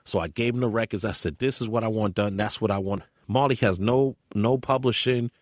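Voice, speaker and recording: A man recounts a story in an interview, his voice climbing high whenever he gets heated. He is emphatic and quotes other people as he goes. The sound is dry and close. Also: brisk, dry recording.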